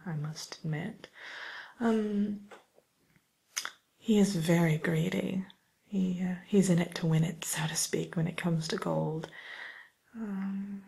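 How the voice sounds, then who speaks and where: In an ASMR roleplay, a woman plays a matchmaker for villains, whispering softly in a slightly low, breathy voice and taking her time. She is discreet and polite, tactful to the point of hesitance, with a gently dry edge, and her mood is confiding.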